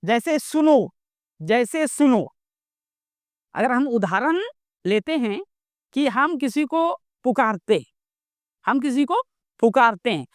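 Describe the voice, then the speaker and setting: A woman teacher from India leads a grammar lesson at an unhurried pace. She keeps asking questions and answering them herself, repeating points so they stick. Her voice is high and lively, and the recording is dry and close. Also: no room sound.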